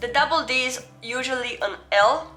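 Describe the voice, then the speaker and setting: A young Romanian woman hosting a video gives a casual, chatty, self-deprecating language lesson in her Romanian accent. Her voice is high, bright and forceful over faint music. Between explanations she reads foreign words out slowly as examples.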